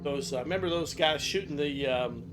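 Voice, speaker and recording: A man's voice: a little high, moderate pace, loud music behind the voice. An older man acting as game master for a tabletop game, talking loosely and often checking in with his players. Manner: loose and chatty, keeps checking in with "right?". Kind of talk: running a tabletop game in casual chat.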